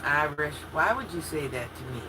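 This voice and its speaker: A woman's voice: deep voice, lively intonation, moderate pace, background noise. A woman in her fifties hosting a casual livestream, chatting candidly as she reads and answers viewer comments. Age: 50s. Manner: chatty and candid, talks straight to chat with frequent laughs and restarts. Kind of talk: casual chat.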